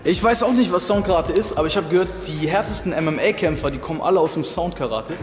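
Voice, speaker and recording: A man hosts a martial arts video in a dojo, joking to the camera with boisterous mock instruction. His fairly high voice moves fast with lively intonation, and the hall is very echoey with music playing behind him.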